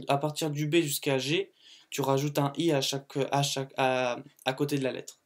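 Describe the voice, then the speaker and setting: A man hosting his own video, teaching in a casual, chatty way with frequent hesitations and restarts. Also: medium pitch. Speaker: YouTube host teaching the English alphabet. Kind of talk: casual informal tutorial.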